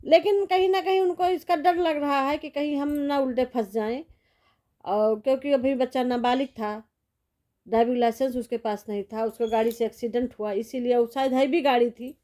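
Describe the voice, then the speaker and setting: High-pitched woman vlogger, sorrowful rambling talk. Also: mellow. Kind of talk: casual commentary vlog.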